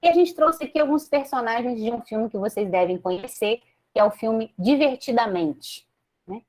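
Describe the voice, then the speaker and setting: A woman's voice: on the high side, normal speed. A Brazilian woman giving a teaching talk over a video call, often putting questions to her listeners. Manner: lively, asks the audience many rhetorical questions, tags "né?". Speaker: speaker at a Spiritist meeting.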